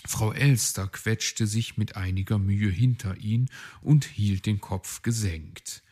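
A man reading a children's advent story aloud in an expressive manner, giving the animal characters their own voices. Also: on the low side, slow pace, breathy edge.

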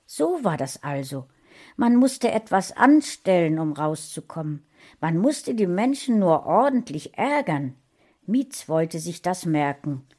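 A woman narrating a storybook with an expressive, unhurried reading. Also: deep voice, husky.

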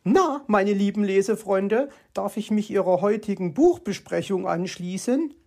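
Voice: medium pitch, expressive, a little slow, darkish tone. A reader voicing a nosy, know-it-all female magpie who questions and lectures in a storybook reading. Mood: sly. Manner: bossy, inquisitive.

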